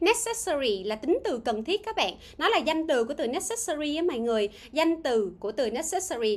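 Reading viewers' answers aloud and questioning them, a female English teacher leads a grammar lesson over livestream, going back over words slowly. She speaks in a high register.

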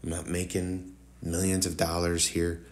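A deep, monotone voice at a measured pace belongs to a woodworking tutorial host giving a rambling, casual voice-over. He addresses viewers directly, and his voice is slightly nasal and congested in a morning way.

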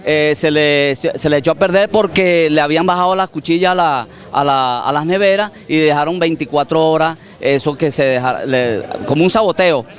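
A middle-aged man with a Venezuelan accent, speaking haltingly with many restarts in a street interview, handheld mic in a city plaza. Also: fairly high pitch. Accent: Venezuelan Spanish. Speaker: cooperative member. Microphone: handheld reporter mic. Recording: crowd noise behind.

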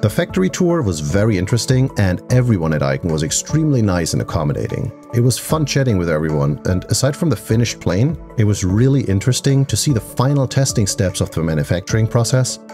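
A man narrating a scripted voice-over in an even, informative storytelling manner. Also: lowish voice, fast, over music.

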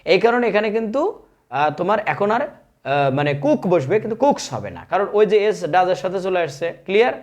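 A man's voice: sits high, sing-song, normal speed. A man with a Bangladeshi accent teaching an English grammar lesson, explaining step by step and quizzing his viewers as he goes.

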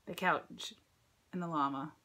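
In a low, sharp voice at a measured pace, a middle-aged American teacher reads a picture book aloud to children. She's expressive and chatty, asking her listeners questions along the way. A phone or tablet at arm's length records her in a home room that has a dresser and ceiling fan.

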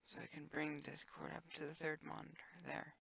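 A woman streaming a sandbox game, thinking aloud in a low-key, wry way with trailing filler words. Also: flat delivery, brisk, creaky, fairly bright tone, husky. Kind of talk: casual gameplay commentary. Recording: dull lo-fi dry mic.

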